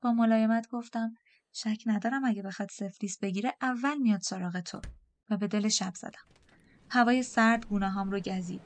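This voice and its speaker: A woman narrating a novel in the first person, with a calm and measured reading style. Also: mid-range voice, a little hiss or hum. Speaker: audiobook narrator.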